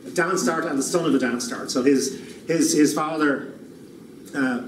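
A man's voice: fairly high pitch, moderate pace. Older man lecturing in an echoey room. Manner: thoughtful, many restarts and repeated words. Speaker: keynote speaker. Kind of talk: public lecture. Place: lecture room, standing at a lectern. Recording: echoey room, far from the mic, room noise.

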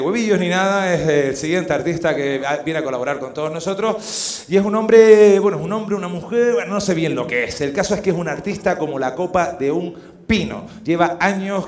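A man's voice: on the high side, brisk. A young man hosting a comedy gala, telling bawdy stand-up stories with acted asides. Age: young adult. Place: live theatre stage. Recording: echoey stage hall.

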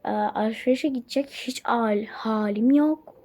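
A woman's voice: a little high, unhurried, mellow, slight background noise. A young woman narrating a game role-play vlog in casual chat, rambling and repeating herself, and saying she is sick and coughing. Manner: rambling, repeats herself, chatty asides to viewers. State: says she is sick and coughing, voice sounds bad.

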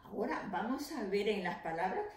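A woman teacher leading an early reading lesson for young children, slowly sounding out letters and syllables. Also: mid-range voice, expressive. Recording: echoey room.

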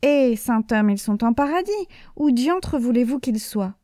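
A woman voicing a tall, solemn male angel who keeps a ledger, calm and matter-of-fact. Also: on the high side, a little slow, no room sound, clean studio sound.

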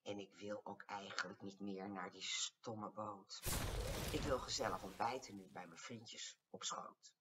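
An older woman voicing a small, bossy grey male mouse with a squeaky voice in a storybook verse. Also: steady tone, a little slow, heavy background noise. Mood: meek. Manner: bossy, commanding. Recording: distant, dull lo-fi home recording.

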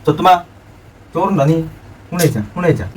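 Fast-talking joking middle-aged father. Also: a little high, distant mic, a little hiss or hum. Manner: animated, scolding, joking, repeats himself. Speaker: father in a family comedy skit. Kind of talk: casual family comedy skit.

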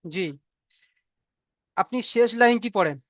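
A man's voice: high voice, no echo, clean studio sound. A man teaching Arabic letters in an online class, patient and encouraging, stretching out the letter sounds to show how they should be read. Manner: patient, repeats praise and drawn-out letter sounds. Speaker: Quran reading teacher. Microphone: video call.

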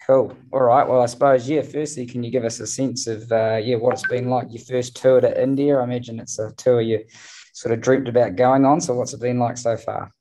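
Mellow-voiced man asking press questions. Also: medium pitch, flat delivery, a little fast, rough recording. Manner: hesitant, filler-heavy questioning. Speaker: media manager hosting a press conference.

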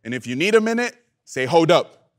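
A young man preaching a youth sermon, lively and playful, calling on the audience to answer back. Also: a little high, brisk. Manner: animated, playful, calls for audience response. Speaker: youth pastor.

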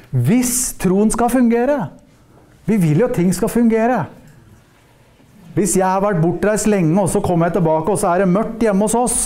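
High-voiced, dark-toned Norwegian preacher man. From Norway. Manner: lively, mixes teaching with acted-out dialogues. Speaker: Bible school teacher. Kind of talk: preaching lecture.

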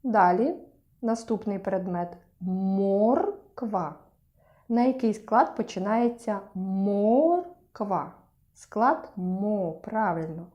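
A woman teaching a speech lesson to young children, sounding out syllables clearly and praising often. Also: mid-range voice, animated, extremely slow, lo-fi sound.

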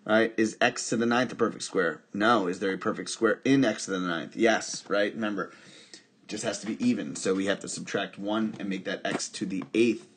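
A husky-voiced man teaching a recorded math lesson, talking through each step by asking and answering his own questions. His voice sits a little low, and he drops in dry, joking asides as he works. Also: steady tone, brisk, a bit bright. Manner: talks through steps with self-questions and wry asides.

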